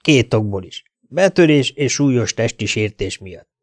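A man reading an audiobook, voicing a pushy man who blackmails a detective, with a slow, drawn-out, insolent delivery. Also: mid-range voice, animated, no room sound, lightly acted. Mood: smug. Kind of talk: audiobook character voice.

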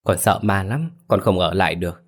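A timid young widow, terrified of ghosts, pleads in a soft, respectful tone, as a man reads her lines. The voice sits deep and low throughout this storybook telling. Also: a little fast. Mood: pleading.

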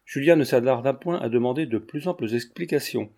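Guy reading a novel aloud, steady and measured, dark mellow tone. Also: mid-range voice. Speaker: audiobook narrator. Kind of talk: scripted narration of a novel.

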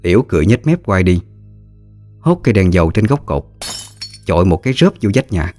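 A man with a Southern Vietnamese accent telling a story in a steady, plain way. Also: low-pitched, a little fast, soft background music. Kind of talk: storytelling narration.

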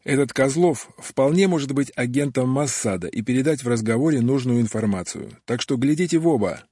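A man's voice: mid-range voice, lively intonation, brisk, warm tone, husky, no echo, clean studio sound. A man voicing a smug, commanding male general in an audiobook. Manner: self-satisfied, commanding.

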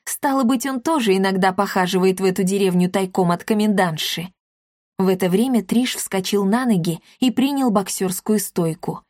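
An audiobook narrator reads a children's story from a script in a lively, expressive way. She has a mid-range voice at normal speed, recorded dry with clean studio sound.

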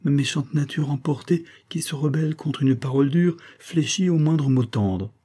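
A man reading a story voices a capricious, quick-tempered young woman who turns pleading and coaxing. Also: mid-range voice, mellow, slightly rough, close to an everyday voice.

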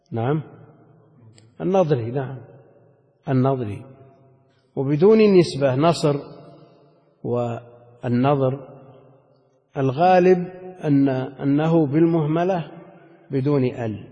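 A man's voice: medium pitch, mellow, muffled recording. An older man, a sheikh, teaching a classroom lecture, explaining terms patiently and repeating them as he questions his students. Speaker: sheikh teaching hadith science. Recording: long hall reverb.

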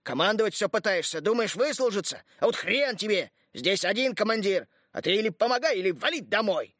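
A man reading an audiobook, voicing an exasperated older army warrant officer who scolds loudly. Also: on the high side, animated, a little fast, no room sound, studio quality. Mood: scolding. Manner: scolding, raises his voice sharply.

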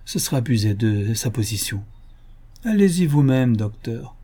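A man reading aloud and voicing a shy, emotional young man in a storybook, speaking in a halting, hesitant way. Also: mid-range voice, big pitch swings, warm tone.

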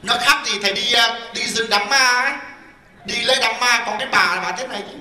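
Very high, bright-voiced storytelling monk. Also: male voice, fairly quick. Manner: animated storytelling, mimicking laypeople. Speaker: Buddhist monk. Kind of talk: humorous dharma talk. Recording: echoey hall with faint audience.

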